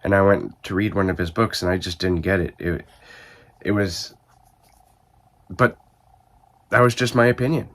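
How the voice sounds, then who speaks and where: A man with a cold, his voice rough and stuffed up, chatting casually to camera about reading and rambling as he thinks aloud with many restarts. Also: deep voice, fairly even intonation, normal speed, pauses often. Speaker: book video host.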